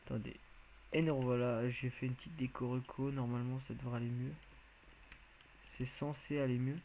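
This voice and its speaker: A man's voice: medium pitch, steady tone, moderate pace, warm tone, a little hiss or hum, low-quality recording. A man giving casual, rambling commentary as he plays a video game, hesitant and full of filler sounds. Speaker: video game let's player.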